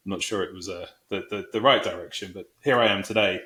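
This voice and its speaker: A middle-aged man with a deep voice talks quickly and sharply in an echoey room. He is an interview guest, a people and talent executive, reflecting on his career in a conversational, self-deprecating way.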